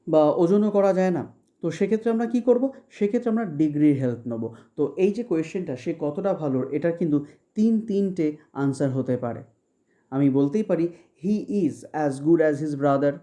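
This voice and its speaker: A woman from West Bengal teaches grammar in an online lecture, and her voice is deeply dark and warm. She explains step by step and often stops to ask whether everything is clear. When she reads English examples, she slows almost to a crawl and leans on each word. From West Bengal, India. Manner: patient, checks understanding with frequent questions; slows down sharply to read English example sentences. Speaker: exam-prep English teacher.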